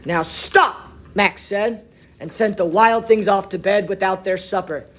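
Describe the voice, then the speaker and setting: A man reading a children's story aloud expressively, with deliberate, dramatic phrasing that swells and hushes. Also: high voice. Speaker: storybook reader for schoolchildren.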